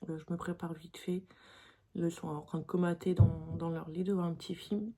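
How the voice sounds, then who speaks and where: A woman's voice: on the low side, flat delivery, a little fast, dark tone, husky, faint music behind. A young woman chatting informally to her vlog viewers at home, rambling and trailing off into filler words. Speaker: vlogger, mother. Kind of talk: casual vlog chat to viewers.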